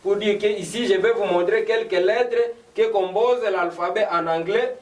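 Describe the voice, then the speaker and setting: Male teacher from DR Congo, beginner English class, high-pitched, roomy distant recording. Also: a little mellow. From Democratic Republic of the Congo. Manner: slow, repetitive, spelling out each word. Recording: echoey room, voice from a distance.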